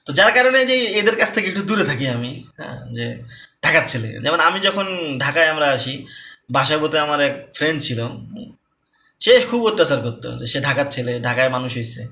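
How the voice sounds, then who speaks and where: Bright-voiced man talking casually. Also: fairly high pitch, lively intonation, a little fast. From Bangladesh. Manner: conversational, repeats points, tag questions. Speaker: lecturer. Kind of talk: casual personal talk.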